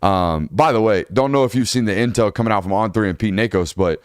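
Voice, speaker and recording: This host of a casual college football podcast speaks fast, with a fairly low, smooth voice. His talk is loose and rambling, full of self-corrections. The sound is clean studio audio without echo.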